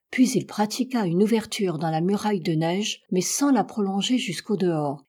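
A woman reading a classic adventure novel aloud in a steady, measured narration. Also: mid-range voice, husky. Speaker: audiobook reader.

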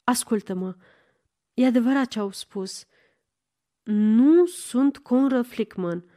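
A woman's voice: a little high, warm tone, close to an everyday voice. A polite, wry young man, as a woman reader puts him on. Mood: calm, polite.

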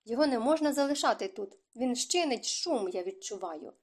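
A woman reading a curt, gruff young nobleman. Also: on the high side, expressive, a little fast. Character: stern dry-humored young nobleman.

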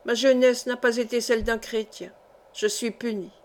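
An anguished young nobleman pours out bitter, passionate pleas to his wife, as a woman narrator reads his part. The reading is lightly acted in a somewhat high voice. It is an audiobook of a historical novel. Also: little pitch movement, normal speed, lightly acted. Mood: pleading.

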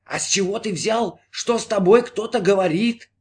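A man's voice: high-pitched, moderate pace, darkish tone, voice pushed up. A man voicing an insistent, mocking inner voice in an audiobook, taunting and urgent.

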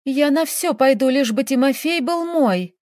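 A woman's voice: high-pitched, animated, measured pace, darkish tone, no room sound, studio quality, pitched above the performer's own voice. A woman voicing a stubborn, lovesick young village woman who talks in an insistent, pleading way.

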